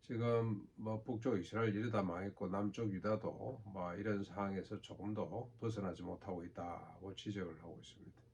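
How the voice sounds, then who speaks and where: An older male pastor delivers a sermon in a low, gravelly voice. He speaks in a measured way, posing rhetorical questions to the congregation. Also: fairly even intonation, a little mellow, slight background noise.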